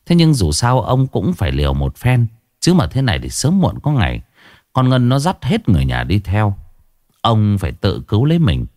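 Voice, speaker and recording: A man narrating a ghost story in an expressive, dramatic way. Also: lowish voice, normal speed, dry recording, clean studio sound.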